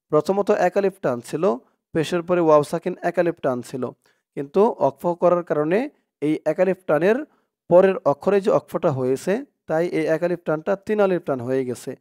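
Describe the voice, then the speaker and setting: A man teaching Quran reading, spelling out letters and vowel marks one by one, then chanting the Arabic words in a drawn-out, louder voice. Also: on the high side, no room sound, clean studio sound. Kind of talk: slow spelling-out recitation lesson.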